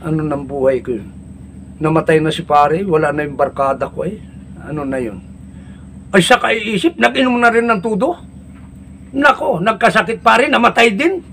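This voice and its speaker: A Filipino man telling a comic story, acting out drunk friends in loud high-pitched shouts. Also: expressive, normal speed, long pauses, slight background noise. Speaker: joke teller.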